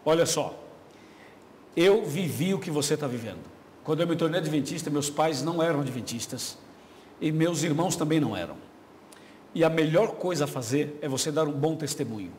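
On a live video chat, a pastor with a Brazilian Portuguese accent responds to viewers' questions in a chatty, explanatory manner, warm and quick to laugh. His voice is on the high side, expressive and a little fast, heard in a reverberant studio with faint ambient noise.

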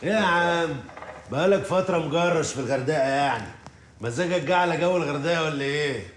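A man's voice: fairly high pitch, fast talker, echoey room, a little hiss or hum, lightly acted. An actor playing a sarcastic, streetwise man who mocks his friends, with an Egyptian accent. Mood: teasing. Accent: Egyptian Arabic. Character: mocking street-smart male sidekick.

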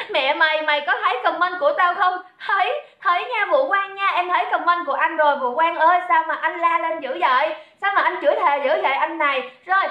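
A woman's voice: extremely high pitch, bright, forceful tone, reverberant. A woman running a live-stream sale, chatty and calling out viewers by name. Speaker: livestream seller. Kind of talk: live-stream sales chat.

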